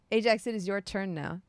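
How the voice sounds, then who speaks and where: A woman running a tabletop roleplaying game as game master, animated and quick to laugh. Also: mid-range voice.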